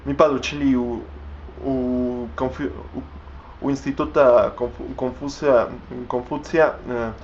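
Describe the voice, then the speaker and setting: A man whose first language is Spanish records an unscripted vlog in a language he's learning, speaking haltingly with many fillers and restarts as he searches for words. His medium-pitched voice stays steady in tone. The recording is dull, with soft music in the background.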